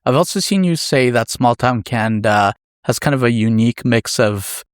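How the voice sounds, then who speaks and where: A man hosting a podcast interview, asking measured and friendly questions. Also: mid-range voice, lively intonation, clean tone, no room sound, studio quality. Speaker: podcast host.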